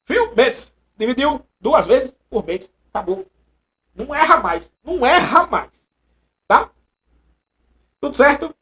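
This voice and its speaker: A man with a Brazilian accent teaching a live online exam-prep lesson, animated and chatty, repeating phrases and reading viewers' messages aloud. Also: extremely high pitch, unhurried, long pauses. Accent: Brazilian Portuguese.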